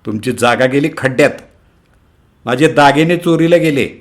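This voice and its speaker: A man voicing a loud, quick-tempered middle-aged aunt who scolds shrilly. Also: medium pitch, pitched above the performer's own voice, natural voice. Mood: angry wailing.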